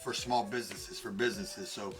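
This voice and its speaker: A man's voice: lowish voice, steady tone, brisk, over loud music. A man co-hosting a casual live stream, rambling in a friendly way with many fillers and restarts. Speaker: co-host and life coach.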